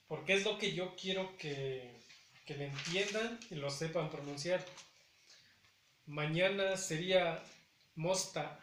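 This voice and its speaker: A man's voice: a little high, a bit bright, reverberant. A man teaching a language lesson, carefully repeating each word with hesitant fillers between phrases. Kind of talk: slow spoken language lesson.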